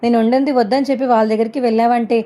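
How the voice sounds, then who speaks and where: A woman voicing a scheming young wife who talks in quick, complaining bursts. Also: a little high, flat delivery, dark tone, voice pushed up, natural voice. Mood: resentful.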